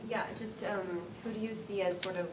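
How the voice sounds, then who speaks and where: A woman's voice: medium pitch, fairly even intonation, moderate pace. A young woman student asking a question from the audience, tentative and hedging. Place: lecture room, far from the mic. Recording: distant, echoey room with noise.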